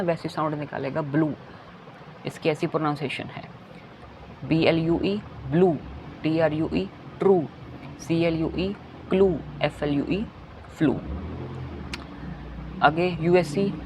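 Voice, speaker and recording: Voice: mid-range voice, a little mellow, slight background noise. A phonics teacher giving a kindergarten lesson, spelling out letters one by one and repeating each word. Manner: says "theek hai" between points.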